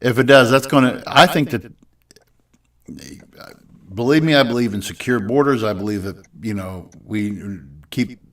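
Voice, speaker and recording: A man's voice: medium pitch, fairly bright tone, far from the mic. A man co-hosting a casual podcast, talking politics in a rambling, hesitant way full of restarts. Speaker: podcast co-host.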